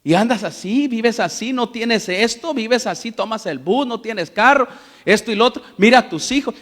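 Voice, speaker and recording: A sneering, taunting devil, as a preacher puts him on. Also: male voice, very high voice, expressive, moderate pace, a bit bright, long reverb tail, voice pushed up. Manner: sneering, needling questions. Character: taunting mocking male devil.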